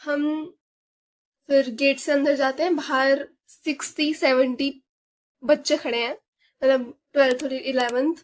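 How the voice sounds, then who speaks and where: A young woman with a high voice tells a story from her own life in a casual vlog. She talks in an animated way, mixes in English words and fills pauses with small sounds. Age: young adult. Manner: animated, mixes Hindi and English, many fillers. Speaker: vlogger.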